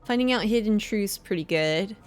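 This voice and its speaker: A game streamer gives casual livestream commentary and reads the game's text aloud, with faint game music behind her. Her medium-pitched voice is animated, smooth, and at normal speed.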